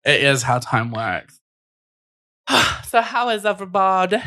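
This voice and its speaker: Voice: mid-range voice, measured pace, dry recording, studio quality. A podcast host chatting casually and telling stories in a jokey, teasing way. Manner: teasing, jokey, animated storytelling. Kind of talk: casual comedic podcast chat.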